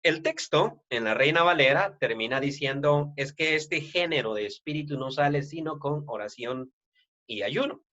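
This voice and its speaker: A man's voice: a little high, fairly bright tone, lo-fi sound. A man preaching a sermon in a conversational way, with frequent tag questions and restarts, and a Latin American Spanish accent.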